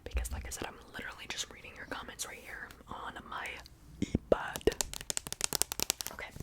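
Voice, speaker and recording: An ASMR creator whispers softly at a normal speed, rambling and repeating words over and over. She drops in playful, chatty asides to her viewers.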